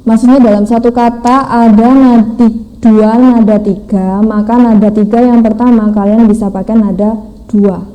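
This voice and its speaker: A woman teaching a language class, explaining slowly step by step and mixing in English phrases. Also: a little high, steady tone, mellow, low-quality recording. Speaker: Mandarin teacher. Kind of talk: online language lesson.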